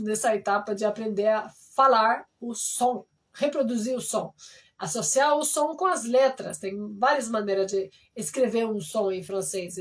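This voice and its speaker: A Brazilian woman, a French teacher, talking on a live stream with a lively storytelling manner. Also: a little high. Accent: Brazilian Portuguese. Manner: lively storyteller who acts out dialogue. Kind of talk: live-stream talk about a course. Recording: voice somewhat distant from the mic.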